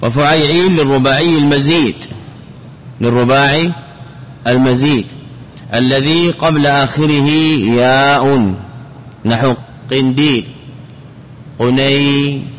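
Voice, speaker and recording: A man's voice: medium pitch, fairly even intonation, a little slow, long pauses. A man gives a classical Arabic grammar lesson, drilling patterns by repeating words and stretching them out syllable by syllable. His voice carries a long reverb, as if in a large hall. The recording is dull and lo-fi with a faint background hiss.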